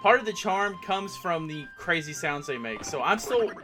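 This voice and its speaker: A woman's voice: lowish voice, expressive, normal speed. A woman casually commenting on a game as she plays, chatty and self-mocking. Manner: chatty, laughs at herself. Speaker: let's play host. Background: faint game music.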